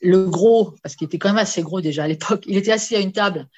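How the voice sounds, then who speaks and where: A woman, a sports journalist, telling an anecdote in casual conversation, animated, with many fillers and repeated words. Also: medium pitch, quick pace. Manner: lively storyteller with many fillers and repetitions.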